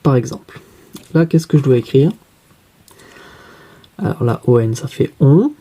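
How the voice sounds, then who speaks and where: A man's voice: medium pitch, expressive, measured pace, mellow, husky. A man teaching a spelling lesson, patiently walking through each step by asking and answering his own questions.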